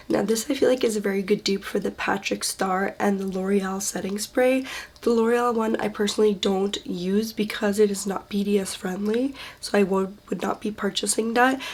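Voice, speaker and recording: A woman's voice: medium pitch, breathy edge. A woman beauty vlogger chatting casually through a product review, gushing and enthusiastic, a little under the weather.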